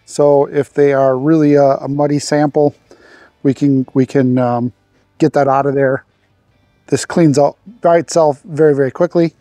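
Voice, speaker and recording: A man in his forties hosts a homesteading vlog, talking through a farm task in a relaxed, unhurried way with plenty of fillers. His voice is mellow and a touch high, picked up dry on a lapel mic out in an open field. Soft music plays faintly behind him. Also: dry recording. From Arkansas. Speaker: homesteading channel host. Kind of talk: casual instructional vlog.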